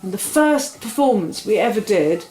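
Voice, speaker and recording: A woman in her sixties, an interview guest, telling long stories in animated, rambling fashion with many restarts. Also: medium pitch, moderate pace. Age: 60s. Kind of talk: casual conversational interview. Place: room in a house. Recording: roomy, faint ambient noise.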